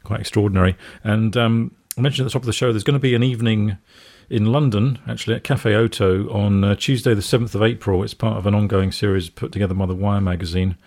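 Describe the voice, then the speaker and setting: A man with a lowish, husky voice hosts a relaxed music radio show. He chuckles between thoughts and feels his way through sentences with plenty of ums and uhs. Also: fast talker, hardly any pauses. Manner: chuckles often, hesitant with many fillers.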